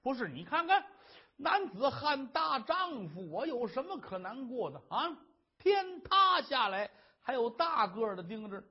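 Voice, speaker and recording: A man's voice: very high-pitched, sing-song, husky, voice pushed up, heavily acted. A male storyteller voicing a doting scholar husband who coaxes and boasts to his weeping wife. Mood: coaxing. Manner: coaxing, blustering, quick-talking. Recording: dull lo-fi recording.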